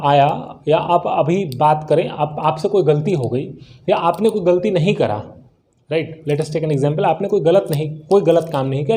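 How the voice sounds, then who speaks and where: A man from India teaching English vocabulary in Hindi, his voice fairly high and mellow. He explains patiently, keeps asking his listeners rhetorical questions, and drops English phrases into his Hindi. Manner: explains words slowly with many rhetorical questions; mixes English words into Hindi. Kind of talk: spoken English lesson in Hindi.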